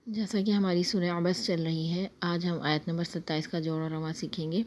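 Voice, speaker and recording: A woman with a fairly low voice teaches tajweed, stretching each recited word very slowly. Between verses she explains the rules at a brisk pace. She repeats single syllables so learners can copy them. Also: flat delivery, a little mellow, a little hiss or hum. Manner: alternates slow drawn-out Arabic recitation with quick explanations. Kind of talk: tajweed lesson with slow recitation.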